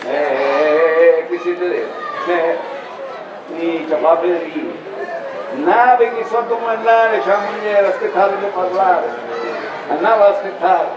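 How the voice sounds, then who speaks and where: A man's voice: high-pitched, slow pace, recorded from a distance, lo-fi sound, a crowd in the background. Guy playing crafty grumbly old sicilian man, stage comedy, echoey hall w audience noise. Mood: scheming, grumbling. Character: old village man mixing fertility potions, scheming, grumbling. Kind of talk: amateur dialect stage comedy.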